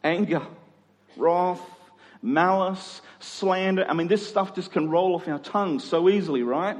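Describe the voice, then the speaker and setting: An Australian preacher from Queensland addresses a congregation in a large room, his sermon earnest and conversational, with phrases repeated for emphasis. His voice sits high and unhurried, and the echoey hall adds long reverb.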